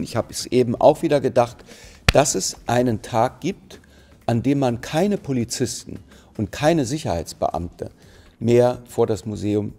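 A warm, medium-pitched male voice with a light Berlin accent comes from a middle-aged actor from Berlin, Germany. He sits framed mid-shot to camera in a plain, bright indoor studio, giving an interview for a museum anniversary. His answers are thoughtful but halting, full of fillers and restarts as he searches for words.

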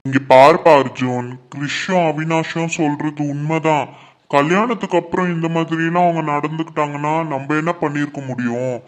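A man playing a calm elder of the family who patiently consoles and advises. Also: on the high side, moderate pace, close to an everyday voice. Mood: consoling.

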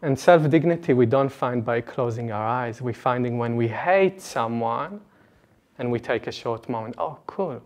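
Man, late 20s, earnest and animated, speaking to a live audience, lapel mic, indoor room. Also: medium pitch, moderate pace. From Israel. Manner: earnest, animated, gestures broadly, laughs between points. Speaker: retreat speaker. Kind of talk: personal talk to a live audience. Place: indoor meeting room before a curtain.

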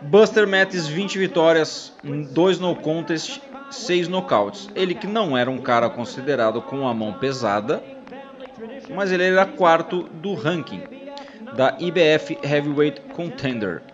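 Trading jokes with his co-host, a man commentates chattily over old fight footage in a voice on the high side, animated and a little slow. The recording sounds dull, with a loud crowd from the footage in the background.

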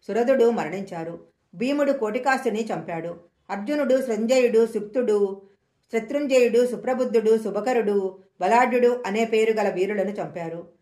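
A woman storyteller slowly reading an old mythological story aloud in a measured way, recorded in an echoey room. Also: fairly high pitch, a little mellow.

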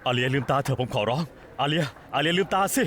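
A man's voice: medium pitch, fast, fairly bright tone, natural voice. A man playing a frantic pleading young man. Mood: desperate. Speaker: distraught son. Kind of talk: Thai dub of a TV drama.

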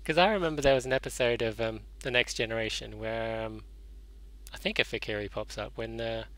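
A young man hosting a casual let's-play gaming show. He rambles along, trailing off into fillers and correcting himself as he reads and reacts. His voice sits at a middle pitch. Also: steady tone, a little fast, fairly bright tone, no echo, low-quality recording.

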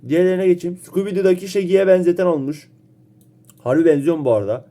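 A man's voice: high-pitched, warm tone. A young man chatting casually to his viewers in a joking, self-teasing way, slightly ill so his voice sounds a bit off. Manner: joking, playful, quick reactions and self-teasing. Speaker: vlogger. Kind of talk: casual chat to camera.

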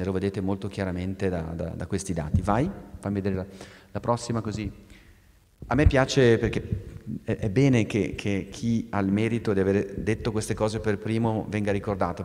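A man giving a live public science lecture, animated and discursive, restarting phrases and turning to the audience with asides. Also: sits low, in a large hall.

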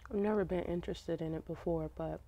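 A woman talks to camera while chewing her food. Her casual chat is hesitant and broken up. Her voice sits a little low and sounds mellow and soft-edged. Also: fairly even intonation. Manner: hesitant, halting. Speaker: mukbang vlogger.

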